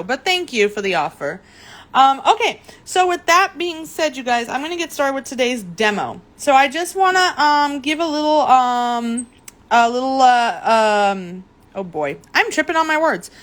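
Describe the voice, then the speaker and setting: Her high voice is a bit bright as this chatty young German woman leads a live craft demo at an indoor craft table. In casual conversation she greets viewers by name, frequently tripping over her words.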